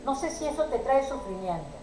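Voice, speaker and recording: Fervent woman preacher, fairly high voice, echoey room with faint music behind. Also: sing-song, brisk, darkish tone. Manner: pleading, emotional preaching addressed to sisters. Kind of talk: sermon.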